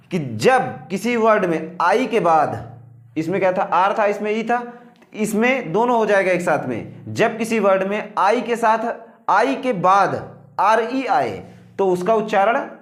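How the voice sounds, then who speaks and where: A man gives an English pronunciation lesson in a fairly high voice. He speaks slowly and deliberately, spelling each word letter by letter. He also dictates rules for students to copy down. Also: lively intonation, echoey room. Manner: spells words letter by letter, asks and answers his own questions. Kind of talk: classroom-style lesson.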